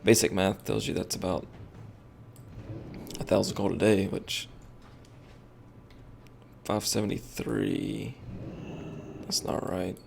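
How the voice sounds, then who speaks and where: Man, game streamer, tired, gravelly low voice, rambling casual commentary. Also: flat delivery, unhurried, long pauses, noisy background. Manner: rambling, thinks aloud with fillers.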